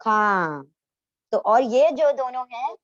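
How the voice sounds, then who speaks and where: A woman's voice: on the high side, lively intonation, slow pace, no room sound, lo-fi sound. A woman teaching a casual class, explaining step by step and asking her students questions, often correcting herself. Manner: self-correcting, restarts. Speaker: Islamic history teacher.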